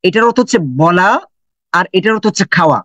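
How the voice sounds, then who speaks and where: Guy teaching quran reading online, repeats sounds a lot, kinda high voice, dry dull audio. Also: quick pace, a bit bright, no echo. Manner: patient explaining, repeats sounds and examples. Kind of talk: online recitation lesson.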